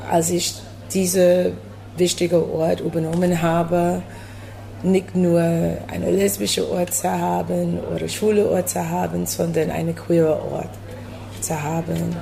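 A woman from the United States with an American accent, a café owner answering interview questions in halting German full of fillers. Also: lowish voice, vocal fry, mellow. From USA. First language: English. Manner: halting, searching for words, many fillers.

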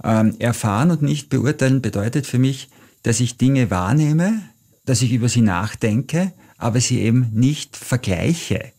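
Gravelly middle-aged man. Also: medium pitch, animated, unhurried, mellow. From Austria. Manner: thoughtful, anecdotal, frequent "äh" fillers. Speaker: travel author, interview guest. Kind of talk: reflective storytelling.

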